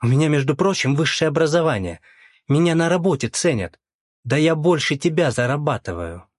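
A man reading a story, voicing an indignant divorced woman who scolds her ex-husband in a raised, shrill voice. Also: animated, normal speed, darkish tone, dry recording, clean studio sound, close to an everyday voice. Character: sharp-tongued divorced woman, indignant and bossy.

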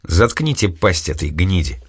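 A man reading an audiobook, voicing a calm, menacing male crime boss with a measured manner. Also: deep voice, husky, dry recording, clean studio sound, full character voice. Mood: cold. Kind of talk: audiobook character voice.

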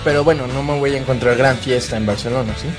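A man's voice: mid-range voice, fairly even intonation, quick pace. A Mexican-accented man hosting a podcast in casual, slangy, foul-mouthed comic chat. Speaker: podcast host. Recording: music and crowd noise behind. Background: music and crowd.

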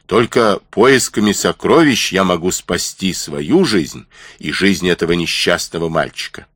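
A man's voice: low-pitched, a little slow, fairly bright tone, no echo, studio quality. A man voicing a crafty old male pirate cook in an audiobook, pleading and persuasive. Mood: guarded.

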